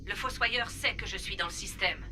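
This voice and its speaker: An actress playing a serious, urgent military figure in a French-language video game drama. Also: female voice, mid-range voice, normal speed, close to an everyday voice. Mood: strained, urgent. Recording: music behind the voice.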